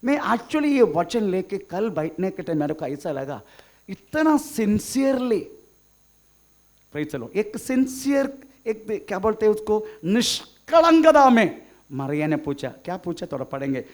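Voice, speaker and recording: A male pastor delivers a sermon, often breaking in with "praise the Lord" and "amen". His voice sits high and swings widely in pitch. He speaks in an unhurried, deliberate way. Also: sing-song. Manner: mixes English phrases, frequent "praise the Lord" and "amen" interjections.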